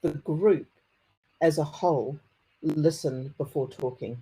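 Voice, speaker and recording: Husky, mellow broad Kiwi speaker with slight stutter. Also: medium pitch, slow pace, low-quality recording. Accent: broad New Zealand. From New Zealand. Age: middle-aged. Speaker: conference speaker. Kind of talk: conference presentation.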